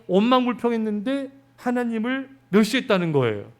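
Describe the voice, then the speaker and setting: A man's voice: extremely high pitch, sing-song, brisk. A man preaching a sermon as pastor, talking with his congregation and putting questions to them. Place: church sanctuary.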